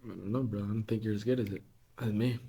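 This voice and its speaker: A student ministry podcast co-host chats casually and playfully, tossing out "dude" and "bro" and arguing jokingly. His voice is on the low side and warm, fast, with fairly even intonation.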